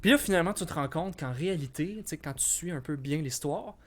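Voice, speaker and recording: A man's voice: fairly high pitch, animated, fast talker, a bit bright. A young man with a Quebec French accent, co-hosting a casual film podcast, hesitant and restarting his sentences often. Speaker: podcast co-host.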